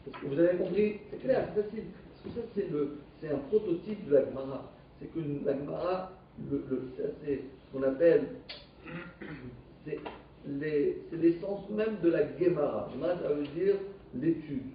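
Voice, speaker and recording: Man teaching Talmud, questioning and lively, slightly high voice, distant echoey dull sound. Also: normal speed, slight background noise. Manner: animated, questioning, explains step by step. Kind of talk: live Talmud class. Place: classroom.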